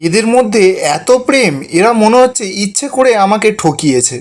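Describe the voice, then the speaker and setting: A man's voice: high-pitched, expressive, moderate pace. A man reading the lines of a scheming, two-faced younger sister in a whining, falsely sweet tone.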